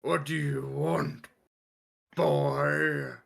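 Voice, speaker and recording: Man playing a blunt, slow-talking gravelly orc. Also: fairly high pitch, level tone, a bit bright, exaggerated voice. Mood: suspicious. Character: gruff, wary, indifferent male orc guard.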